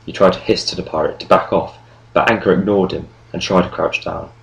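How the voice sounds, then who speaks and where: A man reading an audiobook novel in steady, measured narration. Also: deep voice, vocal fry, poor audio. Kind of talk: scripted narration.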